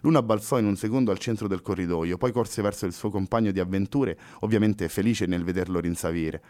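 A man narrating a novel in a steady, measured audiobook reading. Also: on the low side, no echo.

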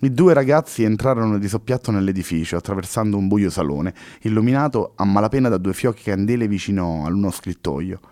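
Low-voiced male storybook narrator. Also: animated, brisk, hardly any pauses, a little mellow. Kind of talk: audiobook story reading.

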